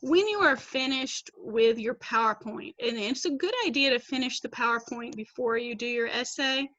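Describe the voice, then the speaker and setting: A woman's voice: fairly high pitch, moderate pace, a bit bright, no room sound. A woman teacher leading an online class, explaining patiently over a video call. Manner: explains patiently, reads quotes aloud. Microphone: laptop mic on video call. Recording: dull lo-fi video call audio.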